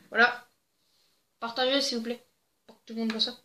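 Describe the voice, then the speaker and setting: A woman's voice: a little high, steady tone, measured pace, pushed and bright. A young woman casually reading jokes to camera, giggly and rambling with crude asides, on a desk microphone. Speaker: joke-telling video host. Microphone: plugged-in desk microphone. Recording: echoey room.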